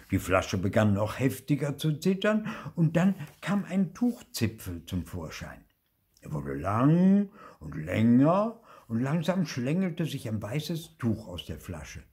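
Older man, storybook reader, husky voice, slow pace. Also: medium pitch. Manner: slow, expressive, varied narration. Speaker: storyteller reading a children's book. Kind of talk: storybook reading aloud.

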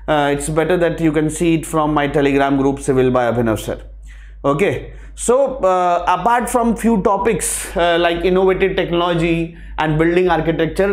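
A man's voice: high voice, a little mellow. A middle-aged man with a North Indian accent teaching exam preparation to camera, often addressing his students informally and repeating points for emphasis. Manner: repeatedly addresses listeners as guys, emphatic repetition. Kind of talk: classroom lecture to camera. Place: indoor teaching studio at a large screen. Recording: roomy, echoing studio classroom.

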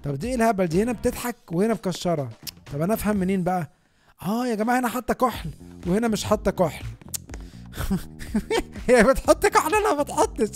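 An Egyptian man rattles off gaming commentary at a quick clip, chatting straight to his viewers. His pitch leaps up and down as he reacts. Faint music plays underneath his voice. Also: very animated. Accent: Egyptian Arabic. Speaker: gaming YouTuber.

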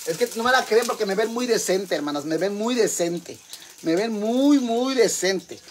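In this comic monologue, a performer voices a boastful, vulgar Mexican mom, Mexican accent and all, gossiping brashly at her sisters. Mid-range and expressive, the delivery is fairly quick and close to everyday speech, with background noise behind it.

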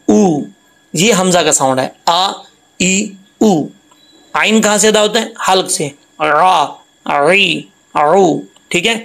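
A man teaching Quran tajweed, explaining letter sounds patiently and repeating them slowly. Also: high voice, a bit bright, rough recording. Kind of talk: Quran tajweed lesson with recitation.

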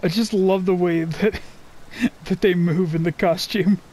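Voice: mid-range voice, fairly even intonation, measured pace, darkish tone. A person giving casual commentary over a video game. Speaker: gameplay commentator.

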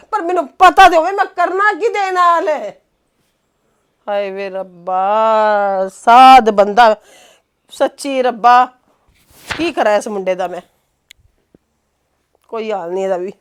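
An actress playing a sharp-tongued middle-aged mother in a family web drama, scolding and mocking her grown son with theatrical exclamations. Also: very high-pitched, expressive, fairly quick.

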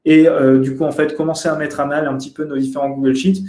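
A man's voice: fairly high pitch, flat delivery, fast, dark tone. A young man giving a webinar talk over slides on a video call, hesitant, with many fillers and restarts. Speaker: conference speaker. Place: indoor room. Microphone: webcam video call. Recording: roomy webcam audio.

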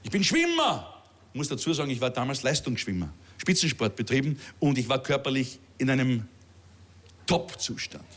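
A man's voice: medium pitch, brisk, a little hiss or hum. A middle-aged man with a Viennese accent telling a stand-up story, chatty and self-mocking, with laughing asides. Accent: Viennese Austrian German. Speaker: comedian.

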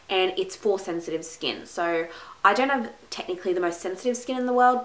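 A young beauty vlogger in her twenties, congested from a cold, gushes and chats through a casual product review in a small room at home with a plain wall behind her, saying "like" and "my goodness" a lot. Her voice is mid-range and fairly bright, and the room sounds echoey with a faint hiss.

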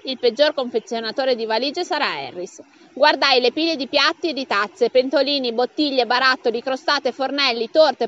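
Woman, expressive audiobook reading, swoops all over in pitch, high voice. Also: muffled recording. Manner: lively, acts out the dialogue with raised pitch. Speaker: audiobook reader.

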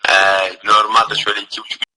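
Boastful man on the phone, sharp bright voice. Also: on the low side, level tone, fairly quick, rough recording. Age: young adult.

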